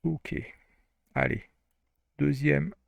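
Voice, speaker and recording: A man tutoring French reading, going slowly, repeating phrases and stopping to explain grammar. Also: fairly high pitch, steady tone, vocal fry, no echo. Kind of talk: slow read-along language lesson.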